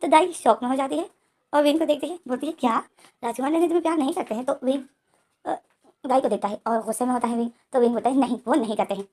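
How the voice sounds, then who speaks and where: A woman's voice: high voice, fast, darkish tone. A woman retelling a fan story as a narrator, quoting each character's lines in her own voice.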